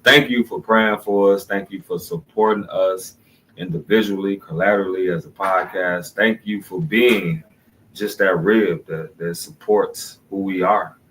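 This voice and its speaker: Deep-voiced earnest podcast co-host. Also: male voice, steady tone, a little slow, a bit bright, recorded from a distance, slight background noise, low-quality recording. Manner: earnest, preachy, blessing-filled. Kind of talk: casual podcast chat.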